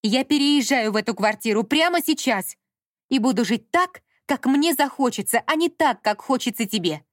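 A woman's voice: high-pitched, normal speed, dry recording, pitched above the performer's own voice, natural voice. A woman voicing a defiant twenty-one-year-old woman who raises her voice and pushes back, in a dry audiobook reading. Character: defiant young woman of 21, fed up.

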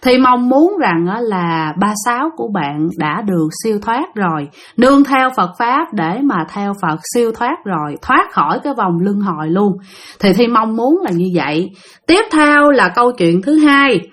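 A woman's voice: on the high side, expressive, normal speed, fairly bright tone. A woman with a Southern Vietnamese accent, telling listener-sent ghost stories in a chatty way, speaking directly to her audience. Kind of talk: spoken storytelling.

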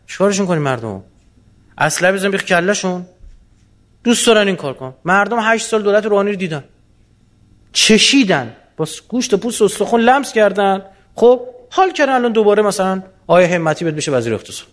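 Man, high-pitched, speaker in a Q&A talk, rhetorical, animated, colloquial. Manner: animated, rhetorical, full of questions to the listener. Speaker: speaker answering audience questions. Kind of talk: colloquial Q&A lecture.

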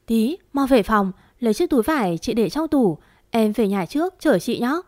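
A woman's voice: on the high side, expressive, normal speed, darkish tone, dry recording, natural voice. A woman narrating a storybook and voicing a frightened young woman servant who pleads with urgency. Her voice stays close to her own reading voice. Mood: pleading.

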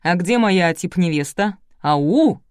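A woman's voice: medium pitch, lively intonation, normal speed, darkish tone, no room sound, clean studio sound, close to an everyday voice. A woman voicing a bossy middle-aged uncle in an audiobook, commanding and folksy.

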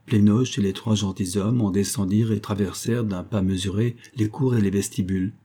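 A man reads classic fiction aloud in a low, husky voice. His tone is mellow and warm, and he keeps a measured storytelling pace. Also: fairly even intonation. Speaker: audiobook narrator. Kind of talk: literary audiobook narration.

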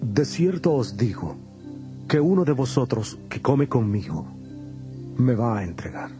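A man playing Jesus in a dramatized scripture recording, a solemn and authoritative teacher with measured delivery. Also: mid-range voice, expressive, over music, lightly acted. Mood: grave. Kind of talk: dramatized scripture audio acting.

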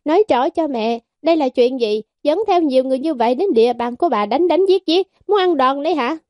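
A woman's voice: high-pitched, lively intonation, brisk, a little mellow, dry recording, clean studio sound. A woman voicing a fierce, foul-mouthed mantis queen who is also a mother, talking brusquely and threateningly. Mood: gruff scolding.

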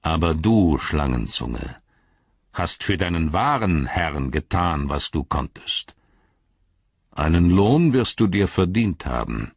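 A man playing a stern old wizard with a very deep, husky, measured voice. It sits dry and close, with a slightly dull sound. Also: very animated, dry recording, heavily acted. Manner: low, grave, measured.

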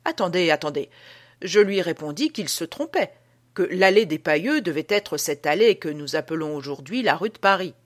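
A woman reading an audiobook as an old male prison guard telling an uncanny tale, with a dramatic, hushed delivery. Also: lowish voice, animated, moderate pace. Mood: spooked. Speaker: audiobook reader.

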